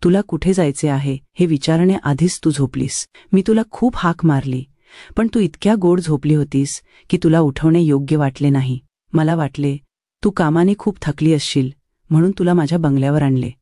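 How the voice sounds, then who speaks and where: A woman's voice: sits low, normal speed, dark tone, dry recording, studio quality. A woman doing a bossy, rude rich young man. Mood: concerned. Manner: stern, ordering tone.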